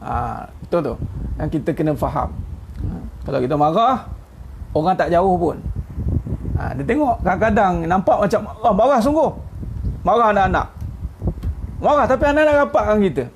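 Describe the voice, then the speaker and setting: A middle-aged man with a Malaysian Malay accent preaches in a relaxed, conversational way, teasing his listeners and laughing softly now and then. His voice sits high for a man and carries a gravelly, frayed edge. A faint hiss of background noise runs under the recording. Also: normal speed, long pauses. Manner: chatty, teasing, chuckles at his own jokes. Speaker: ustaz giving an online religious talk. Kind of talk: informal sermon.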